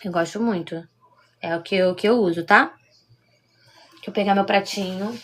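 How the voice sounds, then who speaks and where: A baking instructor from Rio de Janeiro, Brazil, with a Carioca Portuguese accent, leads a live-streamed baking demonstration, chatting with viewers as she works and checking in with them often. Her mid-range voice is fairly bright and moves at normal speed, with a little hiss or hum in the recording.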